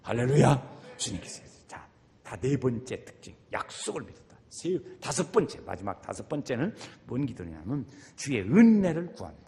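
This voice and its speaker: Animated preacher man in a reverberant church. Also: medium pitch, normal speed, slight background noise. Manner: animated preaching, shouting prayers with the congregation. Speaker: pastor. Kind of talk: sermon. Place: church sanctuary. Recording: long hall reverb.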